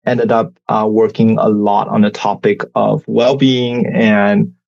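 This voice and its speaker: A man from Singapore, a psychology professor, answering interview questions in a thoughtful, measured way with frequent filler words. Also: lowish voice, little pitch movement, vocal fry, a little mellow, dull audio.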